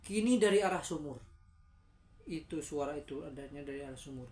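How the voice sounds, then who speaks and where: Woman telling a spooky tale to a small child, dramatic, playful, fairly low voice, faint hiss behind. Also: expressive, brisk, darkish tone. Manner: dramatic, playful, stops to explain words simply. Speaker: storyteller reading to a young child. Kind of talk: reading a horror story aloud with asides to a child.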